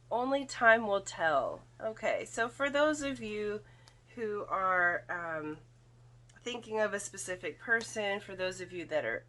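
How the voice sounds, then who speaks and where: A woman giving a spiritual card reading in casual, halting talk, her throat slightly foggy and congested from irritation. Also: mid-range voice, fairly bright tone. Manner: halting, thoughtful, often checks with "okay?". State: throat irritated by volcanic fog, occasional coughing and throat clearing. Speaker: tarot and oracle card reader.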